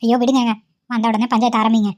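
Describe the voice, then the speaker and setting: A woman voicing several village women in a cartoon, with quick, chatty banter. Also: fairly high pitch, flat delivery, darkish tone. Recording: dull lo-fi audio.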